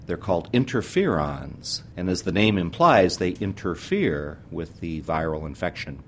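Male medical expert, low voice, explanatory interview, faint rumbling background noise. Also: expressive, normal speed, fairly bright tone. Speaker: expert guest, doctor.

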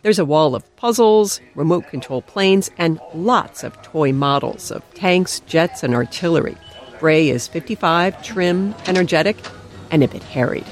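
A woman narrates a scripted radio news feature. She has a low voice for a woman and reads as a reporter. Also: lively intonation, a little slow.

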